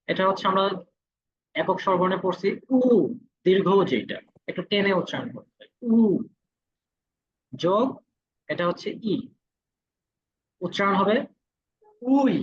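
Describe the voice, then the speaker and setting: Guy teaching a class online, husky voice, dull muffled sound, says every vowel twice. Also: high-pitched, fairly bright tone. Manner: patient, repeats each vowel sound slowly. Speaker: Korean language teacher. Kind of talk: classroom lesson.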